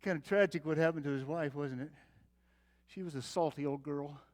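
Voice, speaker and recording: A man's voice: on the high side, fairly quick, lightly acted. A man acting as the aging patriarch Abraham, speaking in a theatrical monologue to his young son. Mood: earnest storytelling. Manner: theatrical monologue, calling out, then tender and confiding. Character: aging male patriarch Abraham, weary and devoted father. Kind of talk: dramatic Bible-character monologue.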